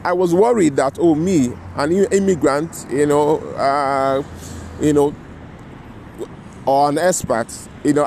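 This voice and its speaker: A man's voice: on the high side, darkish tone, a little hiss or hum. Man rambling through a street story. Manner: rambling, frequent "you know" and "right?" tags. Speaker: vlogger telling a personal story. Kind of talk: casual storytelling monologue.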